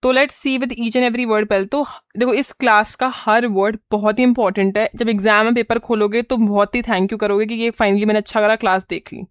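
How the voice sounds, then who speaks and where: Indian woman teacher going over vocab words, bit high voice, dry close sound. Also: fairly even intonation, normal speed, clear, resonant tone, no room sound. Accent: Indian English. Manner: explains in mixed Hindi and English, repeating key words. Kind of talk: exam-prep lesson.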